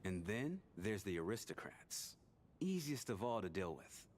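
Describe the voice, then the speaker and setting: A man's voice: lowish voice, big pitch swings, unhurried, a little mellow. A blunt, cocky man.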